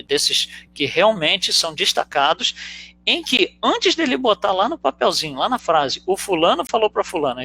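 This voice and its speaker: A man's voice: sits high, sharp tone. A man with a Brazilian Portuguese accent giving a conversational spiritist teaching talk, explaining through rhetorical questions and frequent tag questions. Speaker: spiritist lecturer.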